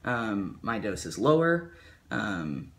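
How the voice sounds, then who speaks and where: Slow, creaky, and very animated, this young man's fairly low voice cracks now and then as he vlogs to camera. He rambles casually, packing in fillers and "likes," from a small bedroom where a ceiling fan turns.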